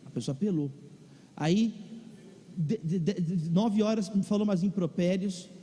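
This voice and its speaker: At a moderate pace and in a mellow, high-sitting voice, a pastor with a Brazilian Portuguese accent preaches to his congregation and tells a funny personal story. Long reverb from a large church or auditorium colors the recording.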